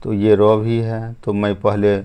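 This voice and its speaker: Slow, low-voiced male teacher. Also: monotone, warm tone, clean tone. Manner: slow, patient explaining with frequent "ठीक है" and "अब जो है". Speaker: English teacher. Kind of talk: step-by-step spelling lesson.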